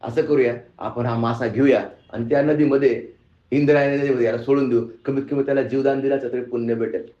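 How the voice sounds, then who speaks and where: A downcast, self-pitying beggar man grumbles low and soft, as a male preacher puts him on. The voice rings in an echoey room and comes through dull and muffled. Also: fairly even intonation, fast talker, lightly acted. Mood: lamenting. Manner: lamenting, then shouting with joy.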